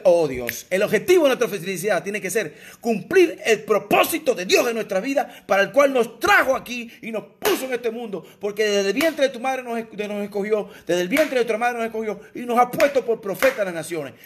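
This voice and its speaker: A Venezuelan man preaches a sermon in a somewhat high voice, animated and direct with his congregation. He drops into soft, low asides, then lifts into emphatic, ringing lines. He keeps checking in with rhetorical questions as he goes. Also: brisk, few pauses, noisy background. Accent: Venezuelan Spanish. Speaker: pastor.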